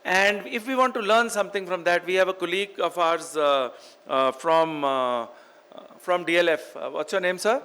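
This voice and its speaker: Giving an emphatic motivational keynote, a middle-aged real estate executive from Chandigarh with a North Indian accent speaks in a high, pushed, bright voice that is clear and resonant, at a moderate pace. He repeats phrases in parallel for effect and moves between English and Hindi.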